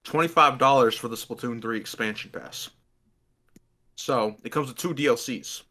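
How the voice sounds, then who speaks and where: A man's voice: mid-range voice, normal speed, pushed and bright. A young man in casual gaming chat, arguing his point while chewing gum. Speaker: podcast guest.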